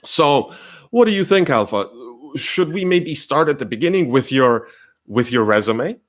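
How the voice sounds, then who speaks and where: A man hosting a live coaching session, explaining slowly and patiently with many fillers; English is not his first language. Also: mid-range voice, animated. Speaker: career coach and host.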